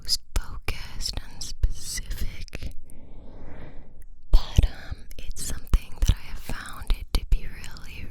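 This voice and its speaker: A young woman whispers an ASMR ramble close to the ear into a binaural mic, soft and breathy with wet mouth sounds, gentle, reassuring and halting. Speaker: ASMR creator. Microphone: close binaural microphone.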